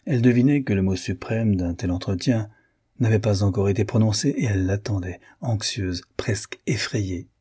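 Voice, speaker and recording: A man reads a classic novel aloud in a measured, expressive narration. His voice is low and mellow with a husky texture. The delivery suits a literary audiobook.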